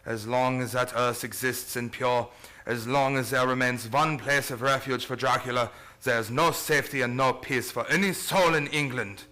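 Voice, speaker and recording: Male actor as commanding vampire hunter, bright tense voice, middle pitch, formal and urgent, radio drama. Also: steady tone, natural voice. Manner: formal, insistent, deliberate phrasing. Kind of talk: old-time radio drama acting.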